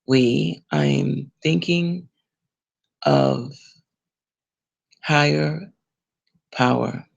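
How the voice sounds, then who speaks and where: A woman reverend hosting a spiritual broadcast, talking in a gentle, smiling, meditative way. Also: very deep voice, gravelly. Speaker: reverend and host of a spiritual program. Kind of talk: slow spiritual broadcast talk.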